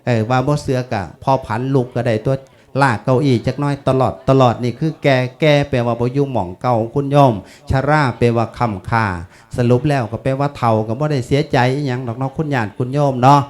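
A man's voice: medium pitch, fairly even intonation, a little fast, darkish tone. A man in his fifties, a monk with an Isan accent, giving a folksy, chatty funeral sermon laced with chanted Pali. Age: 50s.

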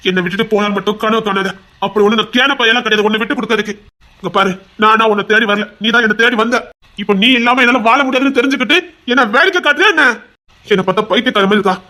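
A man's voice: extremely high pitch, pushed and bright. A man with a Tirunelveli Tamil accent playing a young male heart doctor, a possessive lover who pleads and turns to threats. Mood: pleading. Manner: pleading, insistent, turning threatening. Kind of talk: audio drama acting.

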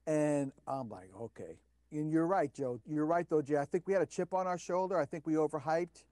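A man's voice: fairly high pitch, a little fast, smooth, dry recording, studio quality. A man in his fifties, a former drum line member, animatedly telling stories in a casual reunion chat. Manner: animated storyteller, acts out shouting.

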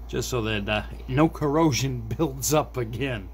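A middle-aged man of medium pitch hosts a hobbyist repair video, talking unhurriedly and half to himself as he demonstrates a hands-on fix. The setting is a small indoor desk workspace, and faint background noise can be heard.

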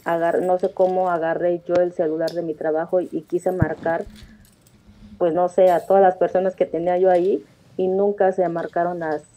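A woman's voice: lowish voice, little pitch movement, normal speed, warm tone. A woman, calling in to tell a personal story earnestly, rambling with frequent restarts. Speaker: caller. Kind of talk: telling a personal story on a phone-in show. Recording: tinny phone line.

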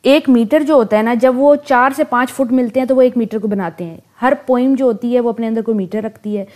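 A young adult woman teaching poetry terms in a lecture, explaining casually and slowing down to read definitions carefully. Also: on the high side, darkish tone. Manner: switches to slow, careful reading for English definitions. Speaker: literature teacher.

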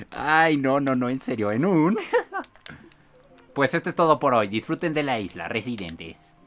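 Mexican male streamer, bright voice, shrieks and laughs a lot while reading chat. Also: medium pitch, a little slow, faint music behind. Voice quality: bursts into shrieks and squeals of excitement, laughs often. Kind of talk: excited gameplay commentary, reading chat aloud.

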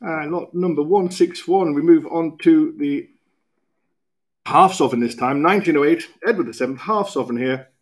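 A man in his thirties with a British accent, working as an auctioneer at a podium, calling bids in a brisk, repetitive rhythm with quick asides. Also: a little high. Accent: British English. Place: auction room podium, indoors.

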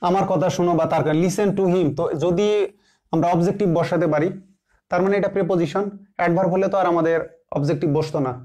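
A man teaching English grammar, slowly repeating example sentences word by word and answering his own questions. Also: sits high, steady tone, mellow. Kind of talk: classroom grammar lesson.

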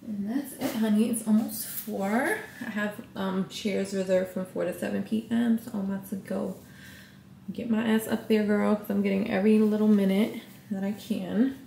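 A woman's voice: mid-range voice, steady tone, moderate pace, creaky, warm tone. A young woman filming a casual hotel room tour on a handheld camera, chatty and gushing, often slipping into a near whisper. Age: young adult. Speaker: vlogger. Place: small tiled hotel bathroom and room. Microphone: handheld camera at arm's length. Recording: echoey tiled room, faint hiss.

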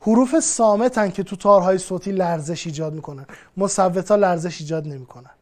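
A teacher giving a lesson, explaining patiently step by step and speaking straight to the student. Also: mid-range voice. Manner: explanatory, repeats and addresses the student directly. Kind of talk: classroom lesson.

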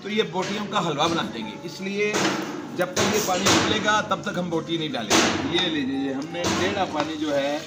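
Chatting directly with viewers, a man in his forties cooks on a wood fire in a village yard for a casual vlog demonstration. His voice sits on the high side at a normal speed, captured by a camera mic held by a cameraman, with background music beneath.

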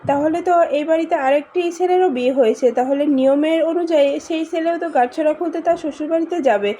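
A woman's voice: high voice, quick pace, warm tone, slight background noise, natural voice. A woman voicing an indignant older housemaid who warns others, in a spoken drama recap. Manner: warning, indignant.

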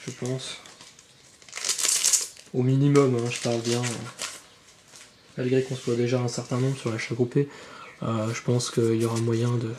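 A man talks his way through a casual card unboxing, chatty and loose, with a mellow, darker voice. He rambles with fillers and swears offhandedly. The room around him is roomy and echoey, with a faint hum of background ambience. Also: medium pitch, flat delivery, unhurried, long pauses. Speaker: channel host opening trading card boxes. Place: indoor room with birds outside.

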